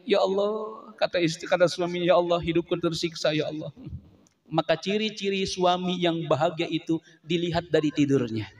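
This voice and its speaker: A man's voice: high-pitched, fairly bright tone. A man. He slips into playful put-on voices to act out nagging wives and meek husbands. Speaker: preacher. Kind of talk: humorous sermon.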